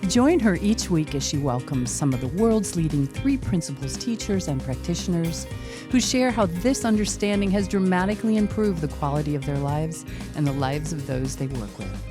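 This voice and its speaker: A woman reading a scripted podcast introduction in a smooth, measured announcer's manner. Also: low voice, lively intonation. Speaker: show announcer. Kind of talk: scripted show intro over music. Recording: intro with guitar music.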